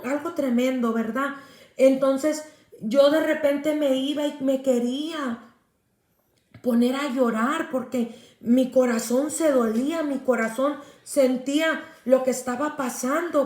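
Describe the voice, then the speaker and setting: A woman pastor tells her personal testimony in an earnest, heartfelt way, talking straight to the listener. Her voice sits high, and the room around her is echoey. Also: darkish tone. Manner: earnest, speaks directly to a listener. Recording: roomy echo.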